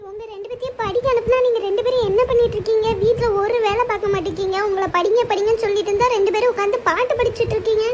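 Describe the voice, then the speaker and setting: A fretful cartoon mother scolds her two teenage daughters, voiced by a woman. Her voice sits very high and turns shrill as she frets. It is a lively family comedy, played close to the mic. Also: very fast, hardly any pauses, a little hiss or hum. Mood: scolding. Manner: shrill scolding, rising when upset.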